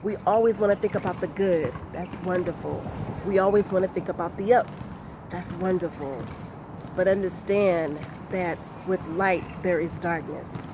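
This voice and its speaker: A woman giving a motivational talk in a deliberate, repetitive, emphatic way. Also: lowish voice, background noise. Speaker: motivational speaker.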